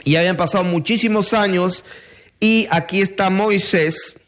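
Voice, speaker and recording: A man preaching a sermon, reading scripture aloud and asking his listeners rhetorical questions in a slow, emphatic way. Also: high voice, a bit bright. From Chile.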